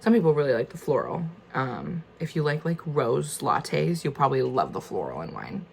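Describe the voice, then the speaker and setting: A woman's voice: extremely low pitch, very animated, normal speed, vocal fry, slight background noise. A woman talking casually and informally through a tasting, thinking aloud in a tentative, conversational way. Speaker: wine tasting host. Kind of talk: casual chatty wine tasting.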